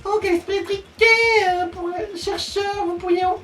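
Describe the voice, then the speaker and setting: Shrill, bratty villainess scientist. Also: male voice, flat delivery, normal speed, far from the mic, faint music behind. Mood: haughty, blaming. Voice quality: very shrill falsetto. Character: bratty, high-pitched villainess scientist bossing her henchman. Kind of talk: improvised voice-over of video game dialogue.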